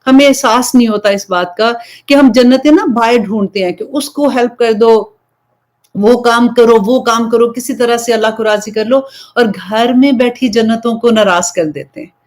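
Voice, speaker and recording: A woman's voice: on the high side, few pauses, a little mellow. A young woman from Pakistan giving an informal religious talk, telling a story in a chatty way and slipping English phrases in between. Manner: conversational storytelling, switching between Urdu and English. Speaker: Islamic preacher.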